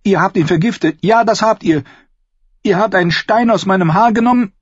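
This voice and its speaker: A man voicing a frightened, anxious young noble girl who speaks quickly and pleadingly. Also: medium pitch, very animated, breathy edge, no room sound, muffled recording, voice pushed up, heavily acted. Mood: frightened accusing.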